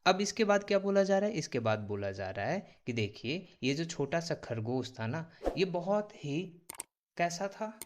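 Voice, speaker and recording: Indian guy teaching english, goes real slow, says each word a few times. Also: fairly high pitch, sing-song. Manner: drills words slowly, repeating them with stress. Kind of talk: slow spoken English lesson.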